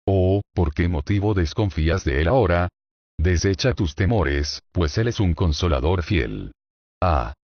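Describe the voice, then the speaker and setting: A man with a very low, deep voice reads a sermon with solemn, declamatory weight. He builds his points through rhetorical questions. The recording is dull and lo-fi, with no room echo at all. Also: expressive, unhurried. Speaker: sermon reader.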